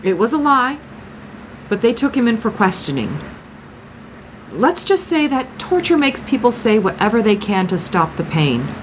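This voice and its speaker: A woman voicing a grim, protective woman who cares for rescued girls, speaking gravely and with measured care in an audiobook reading. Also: on the high side, sing-song, a little hiss or hum, pitched above the performer's own voice.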